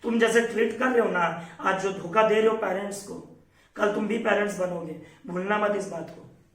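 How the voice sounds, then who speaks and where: A man's voice: high-pitched, steady tone, moderate pace, a bit bright, reverberant, far from the mic, rough recording. A young man teaching students, giving an earnest, emphatic motivational talk.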